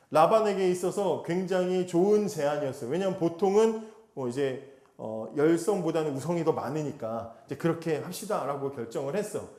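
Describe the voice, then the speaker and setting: A man preaching a sermon as pastor, animated, acting out biblical quotes and speaking directly to his congregation. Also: fairly high pitch, roomy sound.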